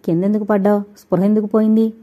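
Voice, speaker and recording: A woman voicing a worried, gentle young man in an audio novel, asking soft, concerned questions. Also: medium pitch, level tone, fast, narrow, tinny audio, natural voice.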